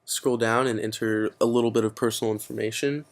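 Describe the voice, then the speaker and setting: Speaking briskly in a steady, mid-range voice, a teenage boy presents a casual computer tutorial captured by screen recording. He walks through the steps with frequent fillers.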